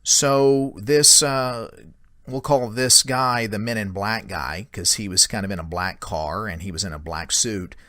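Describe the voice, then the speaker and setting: A man casually retelling a secondhand story in a conversational way, with many small pauses and "he said" tags. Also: on the low side, sharp tone, no echo, studio quality. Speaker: paranormal storyteller.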